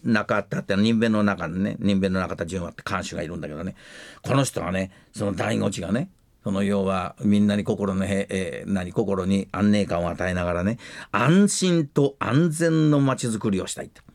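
A man's voice: deep voice, fairly even intonation, brisk, darkish tone, no echo. Older man telling rambling stories. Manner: rambling, colloquial storytelling with rough casual speech. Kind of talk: casual radio talk.

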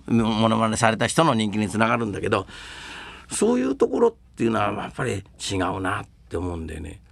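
An older man with a fairly low-pitched voice rambles on at length about comedy and the performing arts, casual and full of opinions. His speech is rough and colloquial, and there is no echo.

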